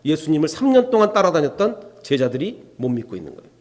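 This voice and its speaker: A man's voice: fairly high pitch, very animated, fast talker, a little mellow. A male pastor preaching an expository sermon, asking the congregation rhetorical questions and acting out biblical dialogue. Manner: acts out biblical dialogue in shifting voices. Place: church sanctuary. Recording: long reverb from a church hall.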